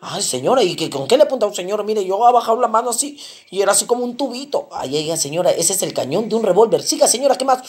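A comedian from Piura with a Piuran accent telling risqué jokes and jumping into character voices. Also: female voice, quick pace, slightly rough. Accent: Peruvian, Piura. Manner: animated, jumps into high squealing character voices. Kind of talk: joke telling with acted voices.

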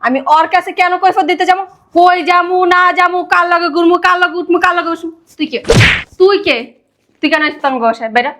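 An actress playing a defiant young adult daughter who shouts back. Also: female voice, very high voice, quick pace, noisy background.

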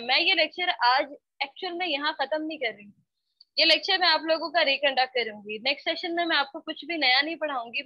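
A woman's voice: sits high, dry recording. A woman teaching a spoken English class online, scolding her students and switching between Hindi-Urdu and English. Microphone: computer mic on a video call. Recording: dull, dry online-call audio.

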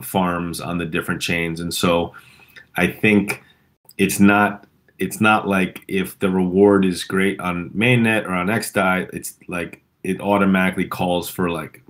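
Casting note: low-voiced man, hoarse throat, loose call host full of ums. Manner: rambling with many fillers and restarts. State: sore throat, coughing. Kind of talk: casual community call.

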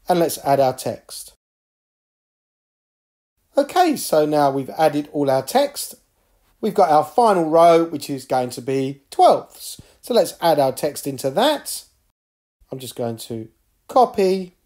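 In a studio-quality recording without echo, a middle-aged man with a fairly high, slightly mellow voice walks through a tablet app tutorial. He's an education technology trainer explaining each tap step by step like a teacher in a screen-recorded walkthrough.

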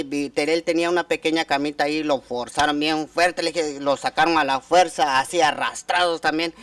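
A man in his thirties testifying at a formal hearing, speaking haltingly with frequent restarts. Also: a little high, a bit bright, no room sound, recorded from a distance. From Guatemala. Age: 30s. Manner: halting, many restarts and repeated words. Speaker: witness giving testimony. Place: hearing room.

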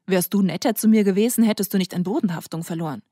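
A woman's voice: mid-range voice, fast, dark tone, no room sound, clean studio sound, lightly acted. A woman voicing a self-assured teenage boy who teases in an easygoing way, in an audiobook. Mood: teasing. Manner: easygoing, teasing. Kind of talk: audiobook character voice.

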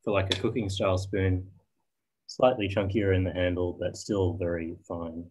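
A man explains his carving on a video call, speaking softly and hesitantly, often pausing and restarting his sentences. His voice sits fairly low and has a husky, breathy edge. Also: flat delivery, low-quality recording. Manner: soft-spoken, hesitant with many ums and restarts. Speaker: spoon carver giving a demo. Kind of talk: casual video-call discussion.

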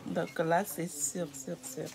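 A woman's voice: lowish voice, little pitch movement, takes it slowly, gravelly, darkish tone. A woman, casually vlogging while she picks up a gift at a money transfer agency and soothes a crying child. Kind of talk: casual self-filmed vlog. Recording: crowd chatter behind.

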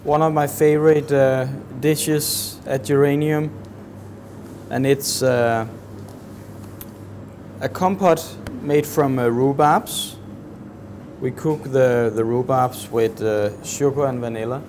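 A Danish chef in his thirties plates a dessert during a cooking demonstration, explaining it slowly and haltingly with many pauses and fillers. His mid-range voice is steady and a little mellow. Clear kitchen noise hums in the background of the large professional kitchen.

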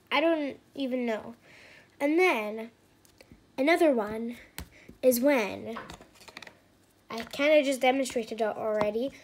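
A woman's voice: fairly high pitch, a little mellow, a little hiss or hum. A woman hosting a comedic slime skit, exasperated and sarcastic, with lots of fillers. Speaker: channel owner.

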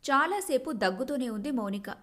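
A woman narrates a family tale in an expressive storybook manner, her voice pitched a little high. The telling is scripted and steady. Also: normal speed.

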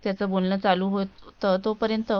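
Female narrator for a read-aloud romance story, steady delivery, smooth tone, lo-fi sound. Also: medium pitch, moderate pace. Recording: dull lo-fi recording.

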